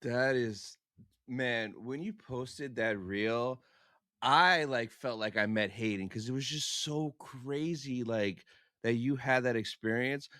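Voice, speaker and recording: A man hosting a podcast, reacting to his guest in relaxed casual chat. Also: mid-range voice, slow, no room sound, studio quality. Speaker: podcast host.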